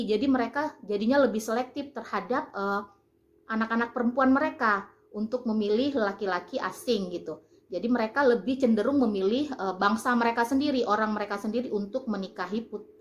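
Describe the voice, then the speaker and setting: An Indonesian woman vlogging in a relaxed, chatty way, explaining things with frequent fillers and pauses. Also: fairly high pitch, highs cut off. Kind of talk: casual vlog talk. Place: lives in Turkey.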